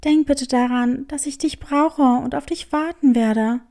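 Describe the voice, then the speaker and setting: A woman voicing a gentle, worried little female hare in a storybook. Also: sits high, measured pace. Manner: gentle, soft.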